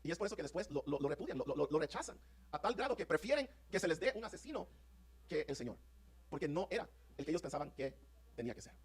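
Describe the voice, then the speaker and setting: Male pastor, rapid-fire fervent sermon delivery, high voice. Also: sing-song, husky. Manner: fervent, rapid preaching with rising emphatic peaks; addresses congregation as brothers, asks "¿están conmigo?". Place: church sanctuary.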